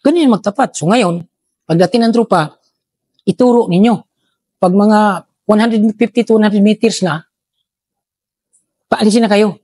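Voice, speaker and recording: A man's voice: high-pitched, normal speed, pauses often, a little mellow, slightly rough, dry recording. A man tells a war story to an interviewer, calling the listener sir after nearly every phrase and acting out the dialogue. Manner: acts out quoted dialogue in his telling. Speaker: former soldier telling a war story.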